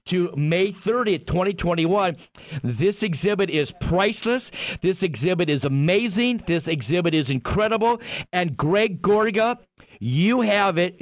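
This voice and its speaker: A man's voice: sits high, no echo. A man hosting a radio show like a bombastic ringmaster, announcing in a showman's style and piling up effusive superlatives.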